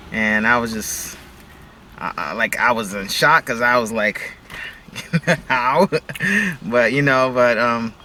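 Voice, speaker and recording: An easygoing man talks casually and laughs often, with plenty of fillers. His voice is very bright and edgy at a middle pitch. A faint hum runs behind him. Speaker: vlogger, father. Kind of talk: casual chat.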